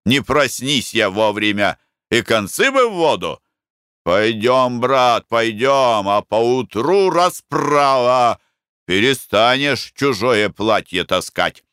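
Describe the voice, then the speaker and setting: A man voicing a rough, suspicious hotel corridor servant who barks accusations in an audiobook. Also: medium pitch, very animated, takes it slowly, no room sound, studio quality, pitched above the performer's own voice, full character voice. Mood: grumbling. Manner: shouting, gruff accusations.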